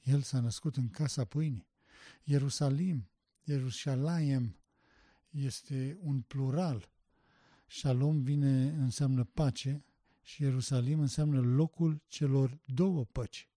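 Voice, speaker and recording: A man preaching a sermon, emphatic, asking rhetorical questions and rising to loud passionate stress. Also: mid-range voice, fairly even intonation, dry recording.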